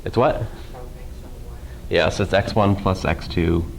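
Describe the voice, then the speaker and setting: A man lectures a calculus class with a low, gravelly voice. He keeps it casual and dryly sarcastic, stopping to question his students. A faint hum of the classroom sits underneath. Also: slow, rough recording. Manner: casual, dry sarcastic humor, talks through steps with questions to students. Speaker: math professor.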